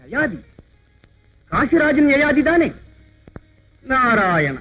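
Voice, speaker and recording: An actor playing a wry, meddling divine sage who wanders the worlds carrying news, speaking with a sly, sing-song manner. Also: male voice, very high voice, very animated, extremely slow, exaggerated voice. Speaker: film character. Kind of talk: dubbed mythological film acting. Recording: dull lo-fi old film soundtrack with music.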